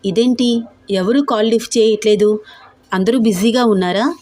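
A woman voicing a gentle, caring young woman who talks with concern. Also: fairly high pitch, moderate pace, close to an everyday voice. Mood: calm.

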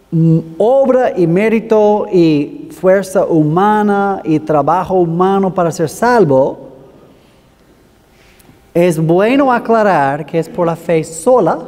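A man's voice: high voice, mellow, in a large hall. A man preaching a sermon in an earnest, pleading manner, calling his listeners brothers.

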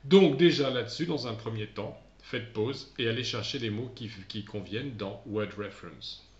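Male teacher, recorded video lesson, talks straight to his pupils, slow careful reading, muffled echoey room sound. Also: medium pitch. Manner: reads English passages slowly and clearly, then explains in relaxed French; speaks directly to pupils, often trailing off softly. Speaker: English teacher.

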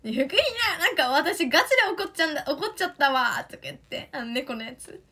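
A young woman with a Kansai accent, chatting excitedly on a livestream as an idol, reading fan comments. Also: high-pitched. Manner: chatty, excitable, quick bursts of enthusiasm.

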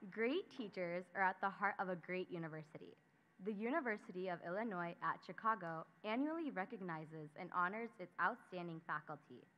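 A young woman, a student council member, giving a formal scripted ceremony speech at a podium microphone and announcing names in a measured way. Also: medium pitch, a bit bright. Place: graduation ceremony. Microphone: speaking at a podium microphone. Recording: dull lo-fi sound.

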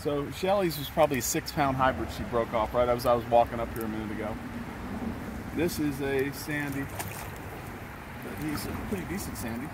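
A middle-aged Texan fishing vlogger with a medium-pitched voice chats and coaches casually while fishing beside a rocky creek. He films on a handheld phone camera, so the audio picks up loud noise from the rushing water.

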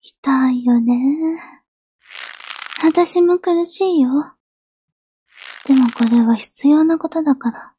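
A woman playing a possessive yandere girlfriend in a soft, breathy ASMR role-play, obsessively loving, clingy and sweetly menacing. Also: high voice, slow pace, long pauses. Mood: menacing, pained. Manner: yandere: obsessively loving, soft, pleading turning coldly threatening.

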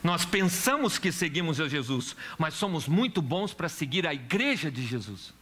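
A man's voice: fairly high pitch, sing-song, normal speed, a bit bright, husky. A man preaching a sermon in church as pastor, asking the congregation questions and telling stories. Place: church hall.

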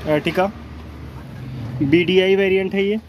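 A used car dealer with a North Indian accent and a slightly high, darkish voice presents cars in a walkaround, taking it slowly with fairly even intonation. He lists features in short, matter-of-fact phrases from beside and inside the cars at an outdoor lot. Faint but noisy street ambience runs behind him.

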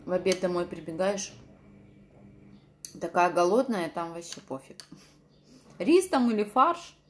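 Woman, low voice, mouth full of watermelon, tired casual chat, faint background noise. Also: a little slow. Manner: tired, chatting between bites. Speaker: mukbang vlogger. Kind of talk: casual chat while eating.

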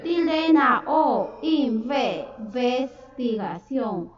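A woman's voice: sits high, lively intonation, a little slow. A woman teaching a third-grade online class in Spanish, dictating and calling her pupils by pet names. She is from Ecuador and speaks with an Ecuadorian coastal accent. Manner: affectionate, calls pupils "mi amor" and "mi vida". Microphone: computer mic on a video call. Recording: echoey, distant, dull video-call audio with children talking. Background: children's voices.

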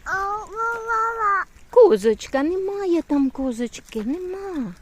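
A woman's voice: extremely high pitch, sing-song, takes it slowly. An older woman from Ukraine chatting casually in cooing baby talk to a toddler while walking outdoors in a yard. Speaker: grandmother vlogger. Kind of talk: casual chat while babysitting.

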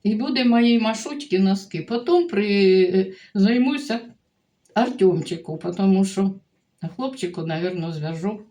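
A woman's voice: mid-range voice, expressive, moderate pace, warm tone. An older woman from Ukraine chatting casually in a home vlog, rambling and mixing two languages as she talks. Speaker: vlogger grandmother.

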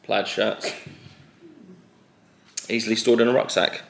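A man's voice: on the low side, level tone, unhurried, fairly bright tone. A man in his thirties vlogging at home, reading gift cards aloud and joking as he opens presents. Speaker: vlogger, new dad opening gifts. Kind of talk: casual chat. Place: living room, indoors. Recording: echoey room, faint noise.

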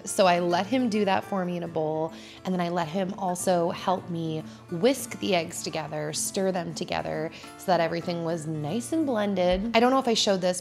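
Indoors at home, a thirty-something vlogger talks through her cooking in a relaxed voice-over. She has a fairly low, gravelly voice and a chatty, easygoing manner full of casual fillers.

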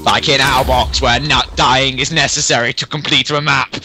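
A man's voice: mid-range voice, fairly even intonation, normal speed, pushed and bright, soft background music. A young man doing joking mock sports commentary over a game, laughing often in a playful announcer voice.

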